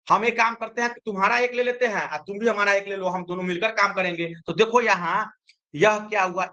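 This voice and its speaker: A man teaches chemistry in a high, bright voice. He keeps tossing questions to his students and answering them himself, repeating key points. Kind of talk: chemistry lesson.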